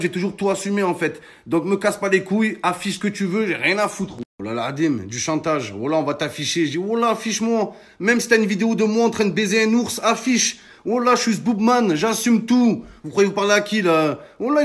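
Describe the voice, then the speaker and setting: A man with a notably high voice rants to his followers. He talks emphatically, swears a lot and addresses his audience as friends and brothers. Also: a bit bright. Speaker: social media personality. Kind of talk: animated storytime rant to followers.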